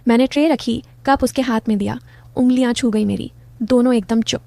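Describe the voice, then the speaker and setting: A woman telling a first-person story as scripted narration, in a soft, confiding tone. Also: on the high side, steady tone, a little fast, gravelly, no room sound.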